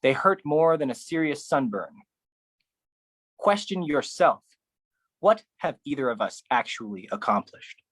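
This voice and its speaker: Delivering an intense spoken-word monologue on their own, this performer is theatrical throughout, moving from quiet, low musing to loud outbursts. The delivery is animated yet unhurried, broken by long pauses, and the recording has no echo.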